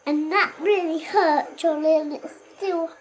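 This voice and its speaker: A woman's voice: extremely high pitch, fairly even intonation, unhurried, voice pushed up. A woman voicing a small British boy who whines that his finger was bitten, in a put-on British accent. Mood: whiny.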